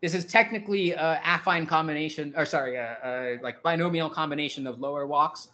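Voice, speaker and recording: A man with a slightly high voice delivers a theory seminar in an informal, thinking-aloud way. He hedges with "sort of" and corrects himself mid-sentence as he explains. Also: fairly quick, sharp tone. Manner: informal, hedging with "sort of" and restarts. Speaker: invited speaker. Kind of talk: academic seminar lecture.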